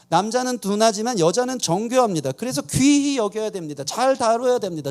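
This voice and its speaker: A male pastor delivering a sermon in a church. His voice sits high and leaps around with lively swings of pitch. He tells stories with self-deprecating humor before driving the lesson home. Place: church sanctuary.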